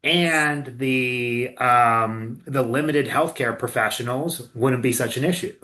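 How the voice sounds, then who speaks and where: A man's voice: mid-range voice, slow pace, pushed and bright. A man hosting a casual podcast conversation, blunt and swearing freely about the system. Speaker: co-owner and clinical director, host.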